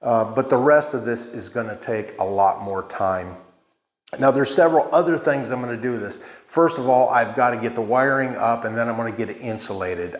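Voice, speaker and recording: A man talking casually and unscripted as he hosts a walk-through vlog, explaining things in a plain-spoken, halting way. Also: mid-range voice. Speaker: vlog host, small farm winemaker. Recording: echoey bare room or open space.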